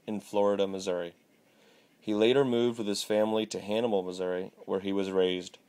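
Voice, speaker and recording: Man doing a time-lost 1890s country man, folksy, rambling, slightly low voice, acted monologue. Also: darkish tone, natural voice. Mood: lecturing. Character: folksy 1890s small-town Missouri man, time-displaced. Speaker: student presenter in character. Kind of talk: acted monologue for a class project.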